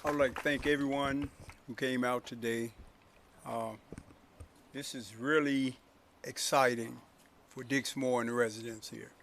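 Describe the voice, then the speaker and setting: A village president thanks everyone at an outdoor podium and is so moved that his words come haltingly, broken by many pauses. His voice has a gravelly fry. Faint outdoor noise sits behind him. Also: medium pitch, fairly even intonation, fairly bright tone. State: choked up with emotion. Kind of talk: emotional off-the-cuff thanks. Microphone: podium microphone.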